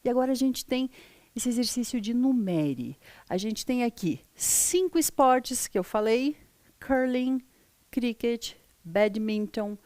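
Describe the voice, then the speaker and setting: A woman's voice: a little high, expressive, slow pace, dark tone, dry recording. A Brazilian woman teaching English to schoolchildren in a video lesson, speaking patiently and repeating each word for the pupils. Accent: Brazilian Portuguese.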